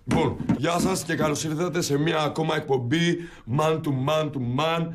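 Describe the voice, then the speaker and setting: A man's voice: a little high, fairly even intonation, pitched below the performer's own voice, lightly acted. A man voicing an awkward young web-show host who sprinkles English slang into his talk. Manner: clumsy, mixes English slang into speech.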